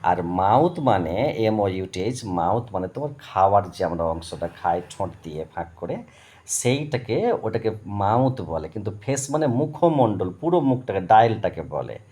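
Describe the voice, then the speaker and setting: A man's voice: lowish voice, very animated, normal speed, mellow. A middle-aged man with a Bengali accent tutoring an English vocabulary lesson, spelling each word letter by letter and repeating its meaning.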